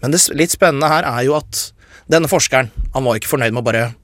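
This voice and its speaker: A man's voice: mid-range voice, a bit bright, no echo, studio quality. A man hosting a radio show, explaining science in a casual chat and getting carried away with enthusiasm. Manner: enthusiastic, gets carried away and talks fast.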